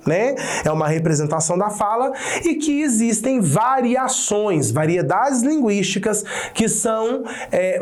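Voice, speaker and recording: A man teaching an online lesson, calm and didactic, often checking in with his class. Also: sits high.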